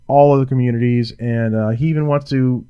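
A man's voice: medium pitch, steady tone, a little fast, clean tone, no room sound, highs cut off. A man co-hosting a show in casual banter, with a blunt, teasing, informal way of talking. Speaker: podcast co-host.

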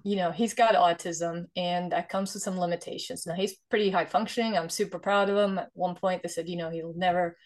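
Earnest Swedish-born woman, lowish voice. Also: steady tone, brisk, hardly any pauses. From Sweden. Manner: earnest, explanatory, uses "right?" often. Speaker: guest, investor and nonprofit founder. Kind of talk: conversational interview.

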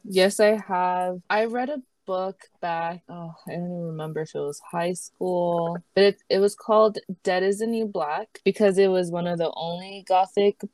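A woman's voice: lowish voice, normal speed, few pauses, darkish tone, no echo. Giggly young woman co-hosting a chatty podcast. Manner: giggly, chatty, lots of fillers. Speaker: podcast co-host. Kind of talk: casual chat.

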